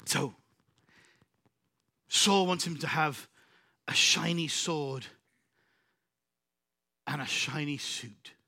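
A male preacher giving a sermon, telling a biblical story in an animated way, acting out the characters and laughing often. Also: mid-range voice, vocal fry, husky, no room sound, studio quality.

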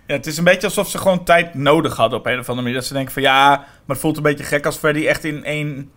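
A man co-hosting a podcast, talking casually about horror films in quick, animated bursts with many fillers. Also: fairly high pitch. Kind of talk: casual film discussion.

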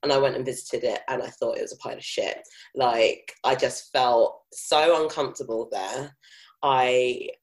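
A young woman with a soft South London accent speaks as an interview guest. She tells personal stories in a candid, casual way, with informal, unpolished phrasing. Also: very deep voice, steady tone, moderate pace. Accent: mild South London. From South London, England. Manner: informal, frequent swearing and filler "like".

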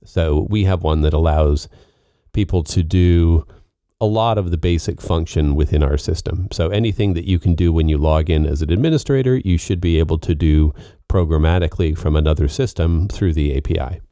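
A man's voice: low voice, brisk, warm tone, no room sound, studio quality. A man co-hosting a casual work podcast, explaining technical things plainly and patiently. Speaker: co-host.

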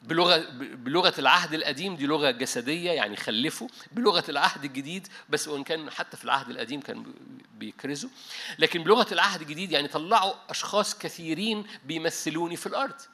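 A man with an Egyptian Arabic accent delivers a sermon in an animated style, slipping into English now and then. His voice sits a little high and rings with a bright, forceful edge. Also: fast talker. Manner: animated preaching with English asides and frequent restarts. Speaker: pastor. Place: church meeting hall.

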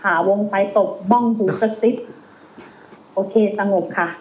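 A woman telling a ghost story in casual, animated chat, acting out voices as she goes. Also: medium pitch, unhurried. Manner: animated, acts out quoted voices in dialogue. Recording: tinny phone line with faint hiss.

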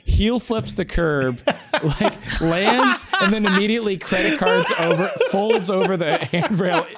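A young man in casual chat, telling an excited story with laughs and swearing. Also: high voice, unhurried, a loud crowd.

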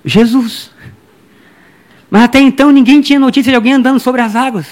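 High-voiced joking male preacher. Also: steady tone, rapid-fire. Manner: chatty and joking, addresses listeners as brother; acts out quoted people in his stories. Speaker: pastor. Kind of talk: lively humorous sermon. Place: church.

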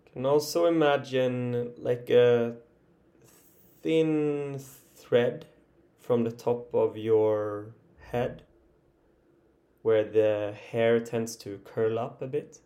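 A man with a mid-range voice acts as a meditation teacher, improvising a guided body relaxation. His words come gently and haltingly, separated by long silences.

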